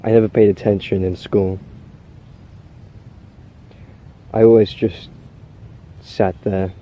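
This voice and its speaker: A man playing an unhinged, socially awkward killer confessing to camera in halting, rambling speech, with trouble pronouncing his R's. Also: fairly low pitch, level tone, lo-fi sound, natural voice. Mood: halting, musing. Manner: halting, rambling, stammering, with odd chuckles.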